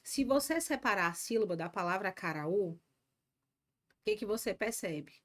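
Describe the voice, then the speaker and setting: A woman from Ceará, Brazil, teaches a live online grammar class in a fairly high, slightly bright voice. She's chatty and cheers her students on between points.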